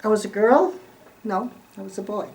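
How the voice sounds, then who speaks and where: In a poor-quality recording, an American woman in her eighties, born in Poland and raised in the United States, gives Holocaust survivor testimony to guests gathered in a room at her home. Her voice is medium-pitched, gravelly and darkish, at a normal pace. She speaks informally and emphatically, often putting questions to her listeners.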